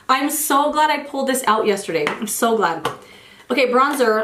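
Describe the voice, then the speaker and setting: Recorded in a roomy space, this forties-aged American woman has a voice on the high side. She's a beauty vlogger doing her makeup in a casual get-ready-with-me chat, still a bit congested from a cold, wandering off and starting her sentences over.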